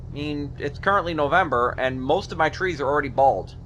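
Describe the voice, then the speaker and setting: A man's voice: a little high, a little fast, fairly bright tone, slight background noise. Jokey punning man voicing gameplay. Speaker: gaming video host. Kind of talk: casual let's play commentary.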